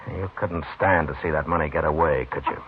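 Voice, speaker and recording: A man's voice: a bass voice, a little fast. An American man playing a weary, stern frontier marshal in a 1950s radio drama, speaking in terse, dry lines. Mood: stern, probing. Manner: terse, dry, pressing questioner. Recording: noisy, narrow-band 1950s radio recording.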